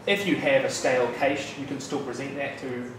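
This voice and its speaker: A mid-pitched New Zealand developer in his thirties speaks at normal speed in a relaxed, chatty technical meetup talk, sprinkling in fillers and asides. He is in a bright, loft-like office room with an audience. The room mic sits away from him, and the recording comes out distant and echoey with background noise.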